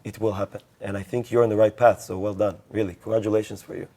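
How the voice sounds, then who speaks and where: A man's voice: fairly low pitch, level tone, fast, warm tone. A man on a panel giving encouraging advice to a young creator, often restarting his sentences. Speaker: social media influencer on a panel.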